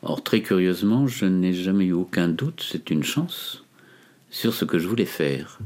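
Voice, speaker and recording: A man in his sixties from the Ardennes, with a metropolitan French accent, recounts his experience as a lawyer in a hesitant, deliberate manner. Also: sits low, animated, a little mellow. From Ardennes, France. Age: 60s. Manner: hesitant, deliberate, frequent long pauses. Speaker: defence lawyer. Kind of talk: recounted testimony in an interview.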